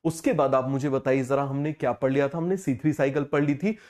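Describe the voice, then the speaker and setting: A man teaching a biology class, unwell with a fever, who keeps asking questions and repeating the answers slowly. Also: medium pitch, fairly even intonation, a little mellow. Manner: call-and-response questioning, repeats key terms slowly. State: feverish, speaking slower than usual. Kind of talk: online class lecture.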